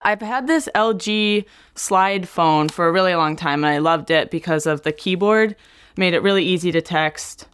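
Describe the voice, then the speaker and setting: A woman's voice: low-pitched, clean tone, no room sound, clean studio sound. A woman in her thirties speaking in a chatty, reflective way in a documentary interview. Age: 30s.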